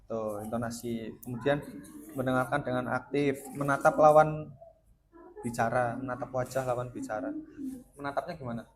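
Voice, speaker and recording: A man's voice: medium pitch, fairly even intonation, moderate pace, long pauses, a little hiss or hum. A man working as a school counselor, leading a casual group guidance lesson and often asking his students questions. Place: school classroom. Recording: classroom with student chatter. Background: students talking and answering.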